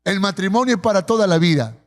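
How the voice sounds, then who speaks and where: A Peruvian pastor preaches to his congregation in a fairly high voice for a man. He tells stories and slows right down on the lines he wants to stress. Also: expressive. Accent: Peruvian Spanish. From Peru. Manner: storytelling with acted quotes, slowing for emphasis. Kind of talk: sermon. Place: church.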